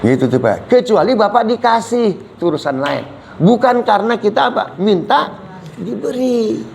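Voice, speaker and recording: A man's voice: sits high, moderate pace, vocal fry, slight background noise, low-quality recording. A man preaching an Islamic lecture, joking with his audience and constantly addressing them as "Pak", dropping "subhanallah" between points. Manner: animated and joking, often addressing listeners as "Pak". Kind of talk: lively religious lecture with audience questions.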